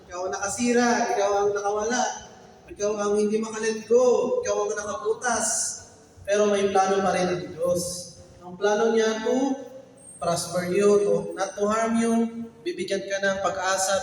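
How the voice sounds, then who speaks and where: Animated preacher man in echoey hall. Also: high voice, moderate pace, slight background noise. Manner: animated, switching between Tagalog and English, urging the congregation to respond. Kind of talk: sermon. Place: church hall. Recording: echoey hall, picked up from a distance.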